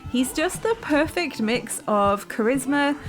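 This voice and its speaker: A woman's voice: sits high, lively intonation, unhurried, faint music behind. A woman hosting a review show, narrating with wry, sarcastic humor. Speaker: host reviewing a TV series.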